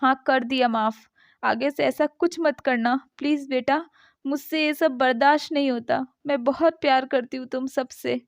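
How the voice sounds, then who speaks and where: A woman's voice: high-pitched, steady tone, normal speed, vocal fry, dry recording. A woman voicing a proud older mother who is hurt by her son but loves her family. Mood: tearful. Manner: stern, dignified. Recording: dull dry lo-fi sound.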